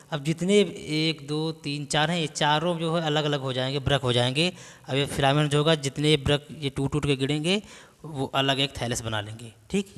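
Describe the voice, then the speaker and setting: Male biology teacher, exam-prep lecture, slow dictation, repeated questions, long hall reverb. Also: mid-range voice, fairly bright tone. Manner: dictates notes slowly, then explains and quizzes with repeated questions.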